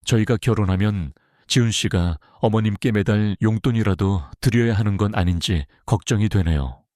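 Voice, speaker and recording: A man's voice: fairly low pitch, moderate pace, darkish tone, no echo, clean studio sound, natural voice. A man voicing a rude, sneering young woman who is about to marry, in an audiobook. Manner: sneering, blunt.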